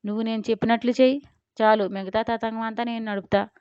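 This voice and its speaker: A woman's voice: a little high, fairly even intonation, fast, darkish tone, smooth, no echo, dull audio, lightly acted. A woman voicing a scheming, sly uncle. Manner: sly, wheedling. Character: scheming middle-aged man, sly and cunning.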